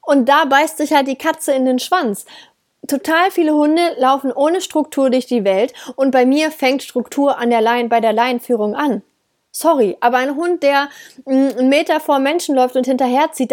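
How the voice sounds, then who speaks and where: Woman, dog trainer, high voice, casual, blunt, emphatic, laughs often. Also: normal speed, a little mellow. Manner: direct, blunt, with frequent laughs and emphatic stresses. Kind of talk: casual talk to listeners.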